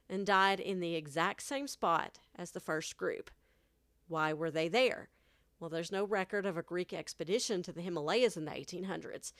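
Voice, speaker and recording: Woman with a country accent telling a dark tale. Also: mid-range voice, dry recording, studio quality. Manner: hushed dramatic storytelling. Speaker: podcast host. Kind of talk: scripted spooky narration. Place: home studio. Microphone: studio mic.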